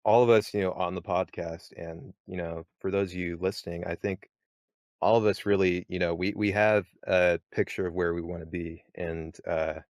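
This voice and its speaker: A man's voice: deep voice, flat delivery, moderate pace, no room sound, studio quality. A man moderating a casual podcast chat, rambling with many fillers and restarts.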